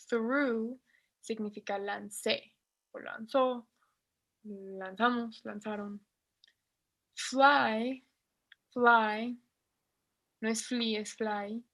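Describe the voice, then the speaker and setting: Slow-talking gravelly woman teacher. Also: a little high, fairly bright tone. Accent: Mexican Spanish. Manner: patient, spells out pronunciation, small laughs. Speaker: English teacher. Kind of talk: online class lesson.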